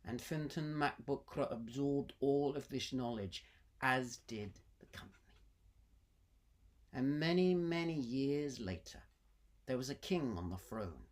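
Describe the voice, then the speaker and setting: A storyteller of Irish legend with a medium-pitched, highly animated voice. The delivery is rhythmic and theatrical, built on repetition, with dramatic pauses and weighted emphasis.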